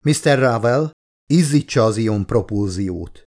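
A stubborn ship captain, played by a male audiobook reader, firm and dry. He states his mind flatly and gives no ground. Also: on the low side, close to an everyday voice. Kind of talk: audiobook character voice.

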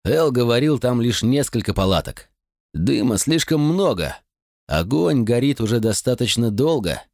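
A man playing a calm, thoughtful soldier. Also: medium pitch, normal speed, no echo, studio quality.

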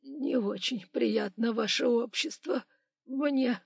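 Audiobook role: a woman voicing a weeping, pleading male banker, high and tearful, dry lo-fi sound. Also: slow pace, vocal fry, breathy edge, no room sound, exaggerated voice. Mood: terrified. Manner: sobbing, pleading. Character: terrified sobbing male bank manager.

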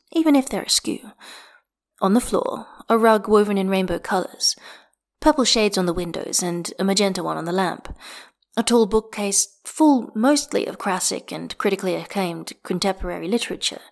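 A woman reading fan fiction aloud as an audiobook, telling the story in an expressive, measured way with dramatic pauses. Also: mid-range voice, creaky. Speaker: fanfiction reader. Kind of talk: audiobook narration.

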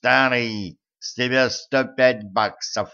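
A man's voice: mid-range voice, steady tone, takes it slowly, bright, forceful tone, clear, resonant tone, muffled recording. A man doing a sly slangy gremlin hustler. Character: cheeky young male gremlin hustler.

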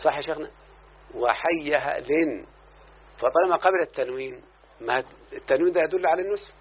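A man's voice: fairly high pitch, rapid-fire, slightly rough. A man with an Egyptian accent teaching a grammar lesson, explaining verses and checking in with his student. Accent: Egyptian Arabic. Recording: lo-fi phone-like recording with faint hiss.

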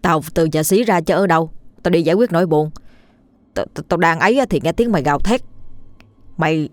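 A woman voicing a flustered teenage village boy who talks quickly and stammers. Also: low-pitched, dry recording, close to an everyday voice. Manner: fast, stammering.

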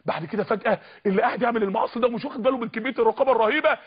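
Egyptian guy preaching, super high husky voice, rushing through it, voice cracks like he's near tears, muffled lo-fi sound. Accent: Egyptian Arabic. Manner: impassioned, pleading, voice breaking into sobs at times. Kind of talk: emotional Islamic sermon.

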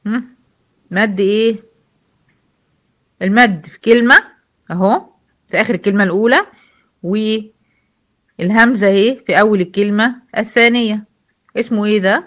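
A woman with an Egyptian accent teaching a tajweed lesson, reciting verses slowly and drawn out, then explaining the rules in quick bursts and quizzing her students. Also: mid-range voice, a bit bright. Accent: Egyptian Arabic.

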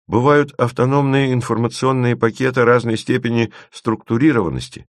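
A man's voice: mid-range voice, normal speed, dry recording, studio quality, pitched above the performer's own voice, close to an everyday voice. A man reading an audiobook, voicing a theatrical know-it-all male colleague who lectures emphatically. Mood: lecturing.

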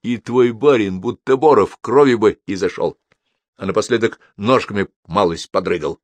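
A man reading the part of a boastful, scornful branded convict, loud and drawling in a dry recording. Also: on the low side, moderate pace, no room sound, natural voice. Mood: mocking.

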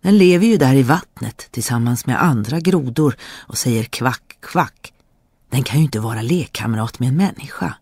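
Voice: medium pitch, expressive, darkish tone, husky, no room sound. A reader doing a petulant young princess. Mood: scornful. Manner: petulant, eager to please when she wants something. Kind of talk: storybook reading.

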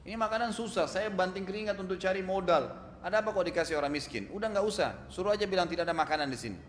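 A man's voice: high voice, racing, pitched above the performer's own voice, natural voice. A man voicing a stingy rich husband, scolding. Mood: angry. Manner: angry, raised scolding voice. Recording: echoey hall, faint noise.

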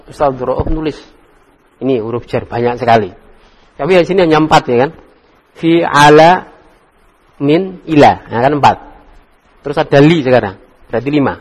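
Relaxed man teaching a casual lesson. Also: a little high, breathy edge. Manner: relaxed, joking, coaxing students by name. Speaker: Arabic language teacher. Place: study circle classroom.

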